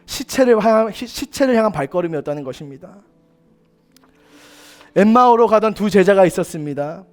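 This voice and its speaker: A man's voice: high voice, animated, brisk, soft background music. A man preaching a sermon at a church service, earnest, putting rhetorical questions straight to his listeners. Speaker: youth ministry preacher.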